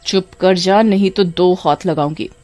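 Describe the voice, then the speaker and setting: A woman voicing a cruel, shrill young woman who scolds and wails in a storybook tale. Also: unhurried, a little mellow, soft background music. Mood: scolding. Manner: shrill, wailing and whining.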